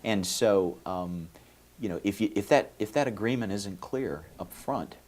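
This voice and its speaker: Deep male lawyer from Venezuela, folksy explainer. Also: a little slow, darkish tone. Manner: explanatory, folksy, with many fillers and restarts. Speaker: lawyer, guest. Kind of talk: interview answers. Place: TV studio.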